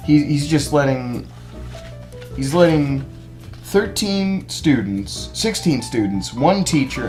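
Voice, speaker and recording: A teenage young man from California reading a children's book aloud, with dry, self-mocking asides. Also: mid-range voice. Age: late teens.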